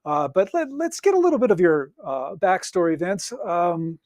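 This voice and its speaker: Guy hosting a podcast, fairly high voice, stops and restarts a lot, dry close sound. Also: very animated, darkish tone, dry recording. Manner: halting, many "uh" fillers and restarts. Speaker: podcast host. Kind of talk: casual interview hosting.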